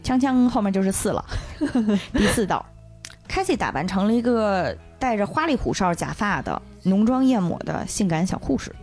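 A woman hosting a chatty podcast, walking listeners through a film's story. Her voice rises and falls in a lively, expressive way, and she slips into the characters' lines as she tells it. Faint music sits underneath her voice. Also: medium pitch, moderate pace. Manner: animated storytelling, briefly acting out characters' lines. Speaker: podcast host. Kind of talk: casual chat, retelling a film plot.

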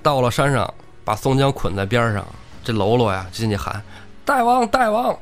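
一位男性播客主持人用生动幽默的方式讲述古典小说故事。. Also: male voice, on the low side, fairly quick, soft background music. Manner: animated, humorous retelling. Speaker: podcast co-host, storyteller. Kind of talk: lively storytelling chat.

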